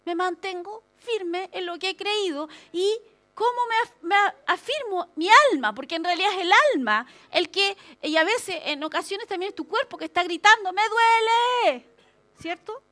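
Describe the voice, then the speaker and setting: A woman pastor preaching a lively sermon, acting out prayers and complaints with humorous asides. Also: very high voice, moderate pace.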